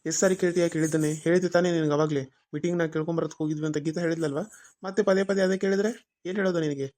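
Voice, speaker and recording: A woman's voice: low-pitched, fairly even intonation, rapid-fire, mellow, lightly acted. A woman voicing a curt, impatient young husband in a cartoon serial. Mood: irritated. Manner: brusque, dismissive.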